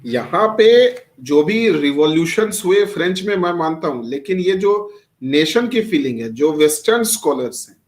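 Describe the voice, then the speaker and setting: In a classroom lecture, a high-pitched, middle-aged Bihari teacher switches freely between Hindi and English. He calls on students by name to quiz them and answers his own rhetorical questions.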